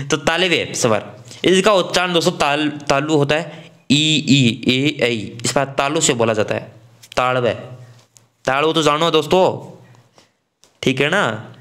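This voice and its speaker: A man from Rajasthan teaches an online exam-prep grammar class. His voice sits a bit high, and he talks casually to students as friends. He drills the vowel sounds aloud. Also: a little slow, long pauses, fairly bright tone.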